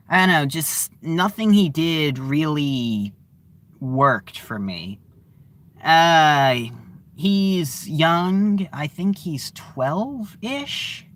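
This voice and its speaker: A man giving a casual spoken review of a TV series, halting and searching for words with frequent fillers. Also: on the high side, fairly bright tone.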